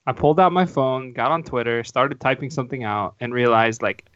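A man hosts a casual football podcast, telling rambling anecdotes full of restarts. His medium-pitched voice is fairly quick and a bit bright, captured in a dull, dry lo-fi recording with no echo.

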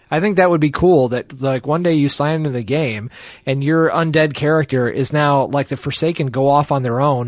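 A man co-hosting a podcast in casual chat, joking and animated with many "like"s. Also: mid-range voice, no echo, clean studio sound. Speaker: podcast co-host.

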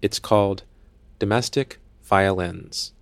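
Male host, low gravelly voice, dry close sound, measured delivery. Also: no echo. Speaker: podcast producer and host. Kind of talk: scripted introduction.

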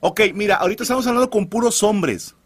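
A Mexican man hosts a comedy podcast, his voice sitting fairly high and swinging widely in pitch. He tells stories in a loud, crude, joking way, full of slang. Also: expressive, fast talker, heavy background noise. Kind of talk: loud comic storytelling.

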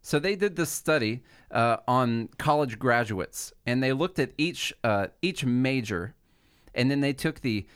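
A man at a mid-pitched, ordinary register talks through a point in casual podcast conversation, laying out figures one at a time. He sounds measured and explanatory. The recording is dry and close, with no room sound around him. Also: animated, fairly bright tone, smooth, no room sound. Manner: measured, explanatory, walks through statistics step by step.

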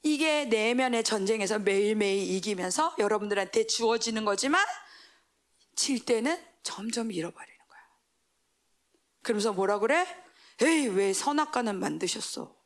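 Animated, high-pitched woman preaching a sermon. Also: normal speed, pauses often. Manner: animated, asks the congregation questions and answers them; swings between raised exclamations and hushed whispered asides.

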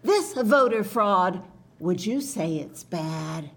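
A woman's voice: medium pitch, expressive, takes it slowly. A woman voicing a polite but pushy female reporter in a comedy press conference sketch. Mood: politely insistent.

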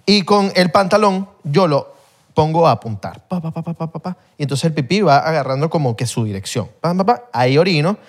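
A man's voice: fairly high pitch, lively intonation, a little fast. A man co-hosting a casual podcast. He jokes around and chimes in with short agreements. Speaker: podcast co-host. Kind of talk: casual chat.

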